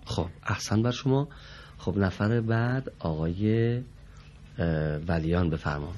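A man's voice: lowish voice, darkish tone, dull audio, a little hiss or hum. A man teaching a Quran reading class, politely calling on students and patiently correcting how they pronounce each letter. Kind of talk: classroom recitation lesson.

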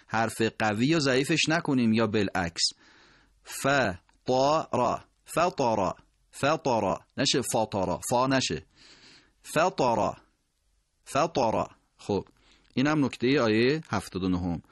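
Man, recitation teacher, tajwid lesson, slow drawn-out examples, dry close recording. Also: mid-range voice, dry recording. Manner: slow, drawn-out demonstration of words. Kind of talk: tajwid lesson explaining pronunciation.

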